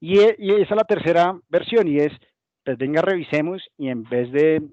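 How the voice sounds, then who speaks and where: This guest presenter, a Colombian man with a Colombian Spanish accent, gives an explanatory business webinar and now and then plays out company voices. He has a highish voice with a darkish tone at normal speed, and the audio is dull with no echo.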